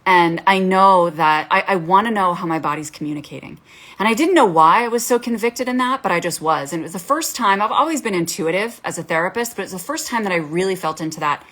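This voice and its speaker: A woman in her forties with a fairly low voice talks to viewers on a casual live stream. She speaks candidly and with open emotion, drops the odd swear word, and greets viewers by name as she goes. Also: fairly bright tone, husky. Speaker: wellness coach and therapist.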